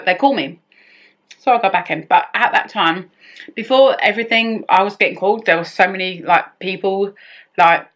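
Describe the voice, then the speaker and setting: A woman's voice: mid-range voice, fairly bright tone. A woman vlogger telling a personal story in casual, chatty speech, rambling and often breaking off to restart her sentences. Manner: rambling, self-interrupting. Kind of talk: casual story-time chat.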